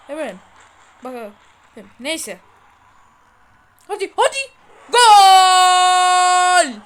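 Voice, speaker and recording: A woman giving excited let's-play commentary on her football game, chatty, urging her players on and boasting to viewers. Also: sits high, slight background noise. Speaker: gaming channel host.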